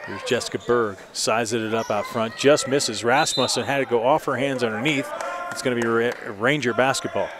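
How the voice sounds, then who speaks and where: A man does the play-by-play at a school basketball game. His mid-pitched voice runs through passes and rebounds and jumps up when a shot goes in. A loud crowd fills the gym behind him. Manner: rapid play-by-play, rising excitedly on baskets. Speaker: play-by-play announcer. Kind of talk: sports commentary.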